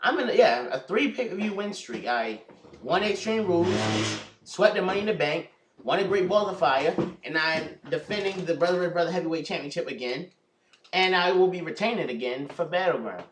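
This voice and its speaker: A man's voice: on the high side, lively intonation, fairly quick, noisy background. A young man hosting a casual prediction video, rambling and often restarting his sentences. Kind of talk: casual wrestling predictions chat. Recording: echoey room, mic far off.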